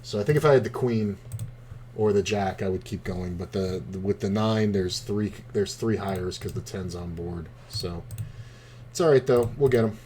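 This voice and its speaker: A man's voice: lowish voice, normal speed, dark tone, a little hiss or hum. A man streaming online poker, chatting casually with a rambling, profane, laid-back storytelling manner. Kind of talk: casual commentary while playing online poker.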